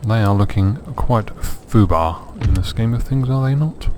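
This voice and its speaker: Hoarse from a sore throat, this man does a let's play of a strategy game, his lowish, slightly mellow voice moving at a measured pace. His commentary is dry and wry, full of self-mocking asides, over a little hiss or hum.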